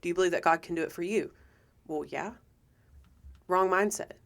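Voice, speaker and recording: A young adult woman co-hosting a casual faith discussion, earnest and asking quick rhetorical questions. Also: lowish voice, steady tone. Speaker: podcast co-host.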